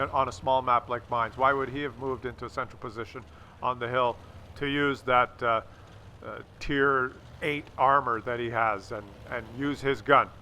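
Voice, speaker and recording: Medium-pitched, bright and forceful, a man hosts a gaming video and gives casual replay commentary. He's wry and sarcastic, teasing and cracking crude jokes. Faint game noise sits behind his voice.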